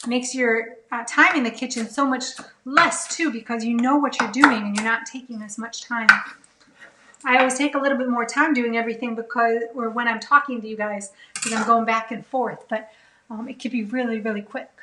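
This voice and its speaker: A woman's voice: on the high side, fairly even intonation, brisk, echoey room, background noise. A woman hosting a live cooking class Q&A, chatting with many fillers and reading viewer comments aloud while she chops in her kitchen. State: a little out of breath. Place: home kitchen.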